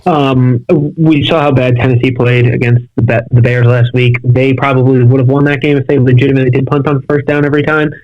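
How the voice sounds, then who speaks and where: Brief: young male co-host, matter-of-fact, mid-pitched, muffled dry remote line. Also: level tone, a little fast, hardly any pauses, no echo. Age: young adult. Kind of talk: casual sports podcast chat.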